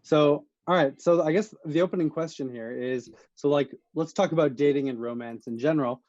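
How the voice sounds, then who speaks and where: Here a US man speaks fairly fast in a slightly high, somewhat mellow voice while co-hosting a laid-back podcast, guiding the conversation through his questions. The audio comes across dull and dry.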